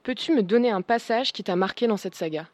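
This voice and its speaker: A woman's voice: medium pitch, fast, a little mellow, no room sound. A young woman hosting a casual radio talk show, chatting about a book and interviewing a guest, with frequent fillers and restarts.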